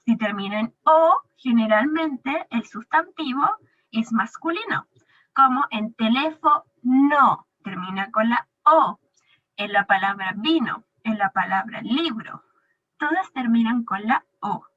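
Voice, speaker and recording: A woman with a bright, slightly high voice walks a child through a grammar lesson. She is patient and stretches each example word slowly. The sound is dull and lo-fi. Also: lively intonation. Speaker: teacher. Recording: dull lo-fi recording.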